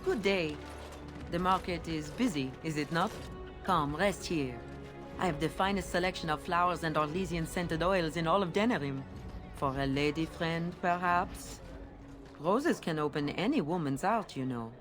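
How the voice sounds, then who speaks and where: Low-voiced French-accented merchant woman, played by an actress. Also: normal speed, over music, close to an everyday voice. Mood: inviting, courteous. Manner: courteous, formal phrasing with gentle tag questions. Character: genteel Orlesian flower-seller woman, courteous, wistful émigré. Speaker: market merchant. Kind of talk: video game character dialogue.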